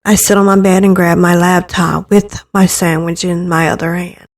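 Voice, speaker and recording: A woman reads a visual novel aloud, narrating a first-person story expressively and acting out the narrator's thoughts, though she stumbles in her reading at times. Her fairly low voice holds a moderate pace with little pitch movement.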